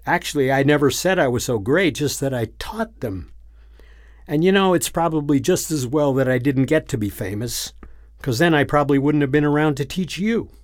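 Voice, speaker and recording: A man's voice: a little high, animated, normal speed, no echo, lightly acted. A man reading a storybook father who jokes in a dry, teasing way. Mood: wry.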